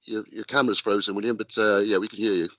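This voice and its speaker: A man's voice: on the low side, fairly even intonation, fast talker, fairly bright tone, no room sound, dull audio. A man, a webinar presenter on a video call, explaining at length with frequent restarts.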